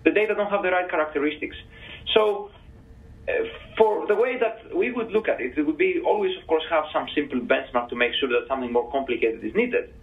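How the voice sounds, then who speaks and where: A man on a panel explaining his answers to audience questions in a measured, careful way. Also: fairly high pitch, lively intonation. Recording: tinny phone-like sound.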